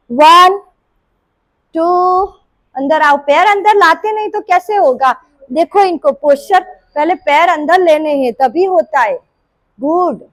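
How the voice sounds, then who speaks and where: Lady yoga teacher w sore throat, high voice, slow and dry, counting reps n nagging the class. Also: no echo, low-quality recording. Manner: scolding, coaxing, counts reps aloud. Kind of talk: live group class instruction. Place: indoor yoga class room.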